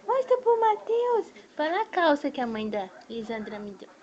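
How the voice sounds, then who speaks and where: A woman's voice: high voice, very animated, moderate pace, dark tone. A woman with a Brazilian Portuguese accent, coaxing a baby and a dog at home in playful sing-song baby talk on a home video. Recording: dull lo-fi home video recording.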